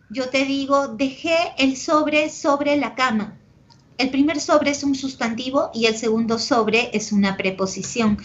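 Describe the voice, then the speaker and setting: A woman teacher with a Peruvian Spanish accent giving an online language class, explaining with examples and checking in with "¿ok?" and "¿de acuerdo?", affectionate with her students. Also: on the high side. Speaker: pre-university language teacher. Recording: dull lo-fi audio.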